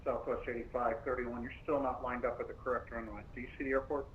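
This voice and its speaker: Tinny radio controller guy, flat clipped calls, faint hiss. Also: medium pitch. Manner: clipped instructions with filler pauses. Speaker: air traffic controller. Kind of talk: radio phraseology.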